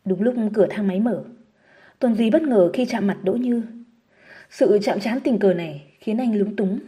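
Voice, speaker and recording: A woman narrating a novel audiobook in a steady, measured reading style. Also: medium pitch.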